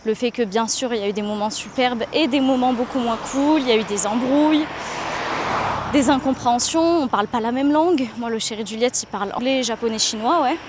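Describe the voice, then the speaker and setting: Walking outside with her camera, this twenty-something French travel vlogger confides in viewers with lots of pauses and reflective honesty. She speaks a little fast at a fairly high pitch, with background noise around her.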